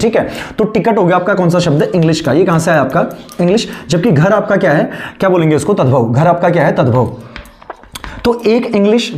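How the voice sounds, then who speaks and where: A man teaching a Hindi grammar lesson, asking the class questions, answering them himself and repeating key terms slowly for dictation. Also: on the high side, mellow. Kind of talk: classroom lecture with call-and-response questions.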